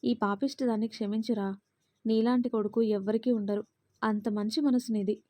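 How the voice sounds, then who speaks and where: A woman's voice: on the high side, fairly even intonation, normal speed, mellow, lightly acted. A woman voicing a remorseful older mother-in-law in a storybook reading, pleading and tearful.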